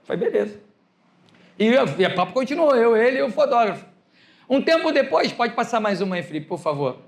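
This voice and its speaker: A Brazilian pastor telling a story in a sermon, acting out the dialogue and laughing along with the congregation. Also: male voice, very high voice, very animated, a little fast, creaky. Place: church hall with a congregation. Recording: echoey church hall.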